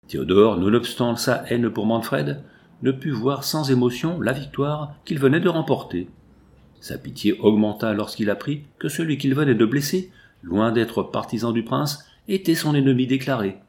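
A man with a voice of middling pitch narrates a classic novel aloud. His reading is measured and formal, steady from line to line. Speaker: audiobook narrator.

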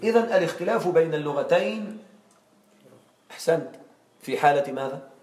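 A male teacher with a slightly high voice leads a classroom grammar lesson and keeps stopping to quiz his students. He sounds set back from the microphone, and his voice carries through a roomy, echoing space. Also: expressive, fairly quick, darkish tone. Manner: quizzing students with frequent check questions. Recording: echoey room, far from mic.

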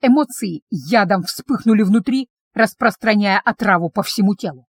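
A woman's voice: medium pitch, normal speed, husky, dry recording. A woman narrating a novel in the first person as an audiobook reader, in an intimate, tense storytelling manner, close to the microphone.

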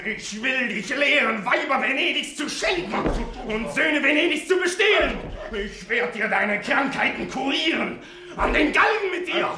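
A shouting sea captain, high forceful voice, roomy studio echo. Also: male voice, slight background noise, heavily acted. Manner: shouting, indignant. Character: bold fleet captain, hot-tempered soldier. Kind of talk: radio drama acting.

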